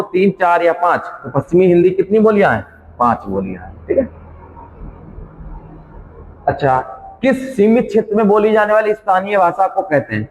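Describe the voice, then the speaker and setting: In a dull-sounding recording with long reverb, a man with a high, slightly mellow voice leads a quiz-format exam revision session as a coaching teacher. For every question he reads out the options, says it all again, and then reveals the answer.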